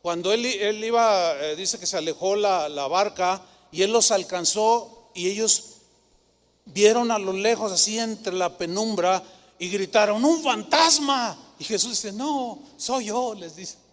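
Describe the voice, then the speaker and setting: A man with a Mexican Spanish accent preaches a sermon with a lively storytelling manner and slips into the voices of the people he quotes. His voice sits high for a man. A long reverb of a church hall trails after each phrase. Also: unhurried. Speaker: pastor.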